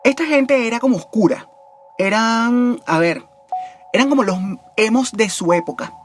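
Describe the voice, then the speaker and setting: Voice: medium pitch, lively intonation, normal speed, soft background music. Podcast host, informal educational talk, chatty, digressive, wry humorous asides.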